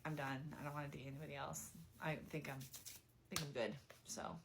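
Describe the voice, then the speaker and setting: A young woman casually telling a dating story, chatty and animated, with lots of filler words. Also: low voice, brisk, gravelly, slight background noise.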